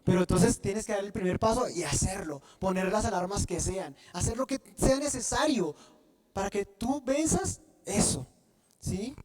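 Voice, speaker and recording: Guy preaching, soft dark tone, keeps asking the church to finish his sentences. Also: high-pitched, animated, moderate pace. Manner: asks the congregation to fill in words; repeats and restarts often. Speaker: pastor. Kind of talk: sermon.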